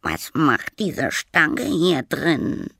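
A man voicing Zippel, a tiny, cheeky ghost who lives in a keyhole, with a squeaky, wondering voice. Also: very animated, extremely slow, creaky, bright, forceful tone, husky, no room sound, studio quality, exaggerated voice. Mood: spooky wailing.

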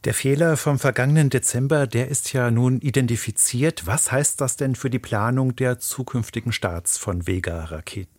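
A man presenting the radio news and putting measured, probing questions to a correspondent. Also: mid-range voice, no room sound, studio quality.

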